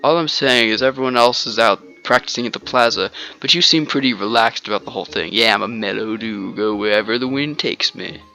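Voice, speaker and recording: A man reading aloud a laid-back young bird-rider from a video game who speaks in an easygoing, boastful way. The voice is bright and clear, with faint music underneath. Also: on the low side, a little fast, hardly any pauses.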